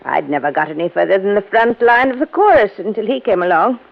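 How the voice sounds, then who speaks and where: An actress in a 1950s radio mystery plays a wealthy widow who was once a chorus girl, with a fluttery, dramatic manner and swooping pitch. Her voice is lively and fast with some vocal fry. The vintage radio recording sounds dull.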